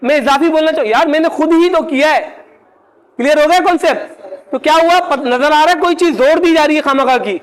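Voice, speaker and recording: Very high-voiced man teaching a grammar class. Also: rough recording. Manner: keeps checking if the class follows; slows down to spell out example words. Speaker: English teacher.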